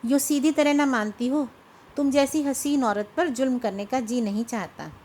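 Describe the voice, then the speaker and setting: A woman's voice: high-pitched, normal speed, darkish tone. A woman voicing a crude, menacing male robber who threatens and mocks. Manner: threatening, mocking.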